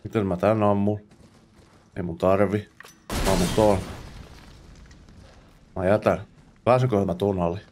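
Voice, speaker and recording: A man's voice: fairly low pitch, fairly even intonation, long pauses, a little mellow, a little hiss or hum. A man hosting a let's play, chatting to himself as he plays and dropping English exclamations and curses. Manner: chatty self-talk, mutters while playing. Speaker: gamer host.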